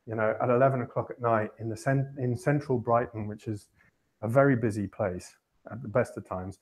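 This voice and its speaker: A man's voice: on the low side, a little mellow. A man hosting a podcast, telling a long personal anecdote in a rambling, self-correcting way with wry chuckles. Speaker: podcast host. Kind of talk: casual anecdote storytelling.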